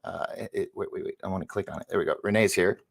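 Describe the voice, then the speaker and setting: A fast talker with vocal fry, this man's voice sits low with fairly even intonation. He's in his fifties, from San Francisco, and hosts a live stream where he rambles casually through viewer comments and trips on words. He is healing from an injury.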